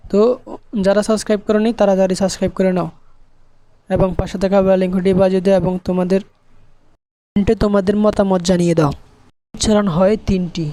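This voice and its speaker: Flat, mellow-voiced tutor. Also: medium pitch, poor audio. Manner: spells out words letter by letter, then says them; even, repetitive teaching cadence. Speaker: English pronunciation tutor. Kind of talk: spoken lesson to viewers.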